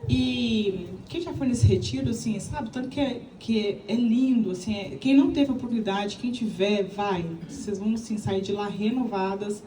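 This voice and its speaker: A woman's voice: medium pitch, moderate pace, few pauses, slight background noise. Echoey, distant woman with a Minas Gerais accent. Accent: Minas Gerais Brazilian Portuguese. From Minas Gerais, Brazil. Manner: animated storytelling, acting out dialogue, chatty asides. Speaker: speaker giving a church testimony. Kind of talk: personal testimony to a live audience.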